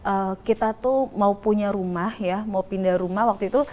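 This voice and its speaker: A woman's voice: medium pitch, normal speed, a little mellow. A woman guest in a casual interview, speaking earnestly and hesitantly with many fillers.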